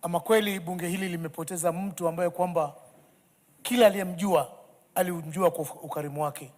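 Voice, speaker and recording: A Kenyan woman gives a parliamentary tribute at a quick pace. Her words ring with the long reverb of a large chamber. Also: fairly low pitch, steady tone, a little mellow. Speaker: member of parliament. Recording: reverberant hall.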